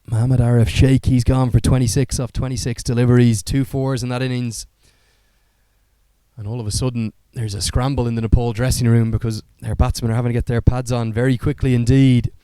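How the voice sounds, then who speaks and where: Guy doing live cricket commentary, smooth polished broadcast voice, articulate, really dry close mic. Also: medium pitch, level tone, brisk, mellow, dry recording. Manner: fluent, articulate broadcast delivery. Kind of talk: live play-by-play sports commentary.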